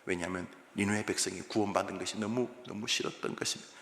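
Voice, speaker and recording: A male pastor preaching a sermon in colloquial, animated storytelling style in a church. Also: low-pitched, quick pace. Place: church sanctuary. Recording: echoey hall with long reverb.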